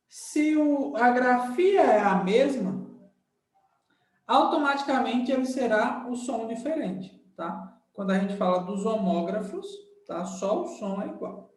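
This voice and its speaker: A Brazilian Portuguese-speaking man teaching a grammar lesson, explaining slowly and repeating terms while checking understanding. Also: extremely high pitch, a little mellow. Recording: echoey room.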